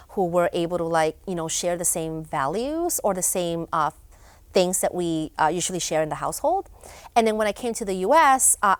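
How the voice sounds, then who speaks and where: A woman's voice: on the low side, clean tone, no room sound. A young woman from Honduras, a guest in a studio interview, talking casually with many fillers and restarts. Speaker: guest, event founder.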